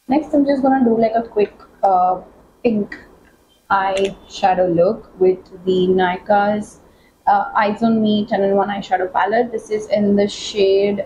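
A woman talking through a makeup tutorial as a beauty vlogger, chatty and excitable, with many fillers. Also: mid-range voice, highs cut off, noisy background. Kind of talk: casual makeup tutorial chat.

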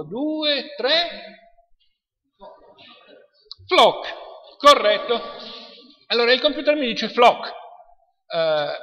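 A man with an Italian accent gives a chatty university lecture in a lecture hall, quizzing the class with questions. His voice sits high and sounds gravelly. The recording is dull and lo-fi, echoing in the reverberant hall.

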